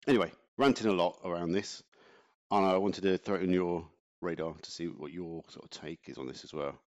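A man's voice: deep voice, fairly quick, muffled recording. A man co-hosting a casual chat podcast, talking in a chatty, ranting way and laughing often. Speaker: podcast co-host.

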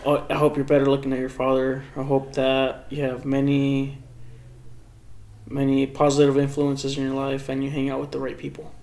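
A man's voice: mid-range voice, monotone, normal speed, darkish tone. A man co-hosting a podcast in casual chat, mostly reacting with short teasing remarks and questions. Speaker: podcast co-host. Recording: echoey room with faint background noise.

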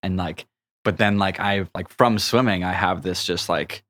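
A man's voice: low voice, fairly even intonation, normal speed, fairly bright tone. A young man co-hosting a podcast in casual chat, rambling with lots of fillers and swearing. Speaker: podcast co-host.

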